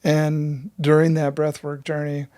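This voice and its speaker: A man's voice: a little high, completely flat delivery, unhurried, warm tone. A man in his fifties, a breathwork teacher telling his story with earnest intensity in an interview.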